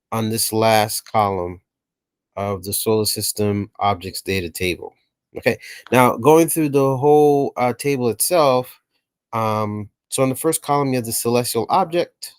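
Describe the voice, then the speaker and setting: A man's voice: mid-range voice, darkish tone, dry recording. Man teaching in casual tag-question style. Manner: conversational, frequent "okay" and "right" checks. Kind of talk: explainer lesson narration.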